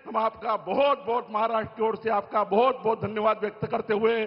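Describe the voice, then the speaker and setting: A man's voice: high voice, steady tone, fairly quick. A man with a Marathi accent giving an emphatic political rally speech in slogan-like phrases. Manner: emphatic, repetitive slogan-like contrasts. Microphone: public-address microphone. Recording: dull PA with long reverb.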